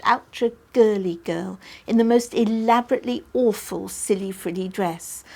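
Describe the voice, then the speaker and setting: Woman reading a children's story. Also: medium pitch. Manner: lively, expressive storytelling. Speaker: author reading her book. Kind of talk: audiobook reading.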